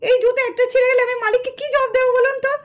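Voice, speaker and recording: A woman voicing an indignant woman shoe-shop keeper who complains loudly and accuses the customers in a puppet show. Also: very high-pitched, little pitch movement, rapid-fire. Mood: insistent.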